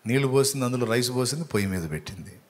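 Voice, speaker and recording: A man preaching a sermon, telling a story dramatically and acting out the voices in it with sudden loud rises. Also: mid-range voice, lively intonation, very fast. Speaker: pastor.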